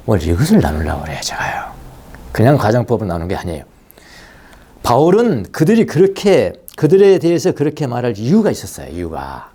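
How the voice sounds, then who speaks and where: Lively storytelling Korean pastor, a man. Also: mid-range voice. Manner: lively storytelling preacher, repeats key phrases, chuckles. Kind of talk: sermon. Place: church sanctuary.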